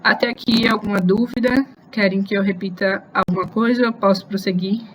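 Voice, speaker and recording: A woman of medium pitch teaches an online grammar lesson in a patient, unhurried way. She spells out example phrases slowly and keeps checking whether her listeners are following. A faint background hum sits under her voice. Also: steady tone, rough recording. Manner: slow, patient explanations with frequent checks for questions. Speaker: English teacher.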